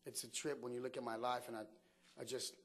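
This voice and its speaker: A man's voice: mid-range voice, quick pace. A man telling his own life story in loose street slang, acting out what people said and laughing often. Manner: animated, acts out quotes, laughs often. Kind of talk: personal life story told to camera.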